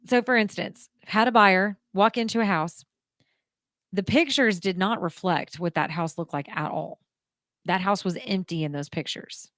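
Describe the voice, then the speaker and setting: A woman's voice: on the low side, no echo, studio quality. A woman hosting a radio show on her own, giving real estate advice in a chatty, emphatic way that speaks straight to listeners.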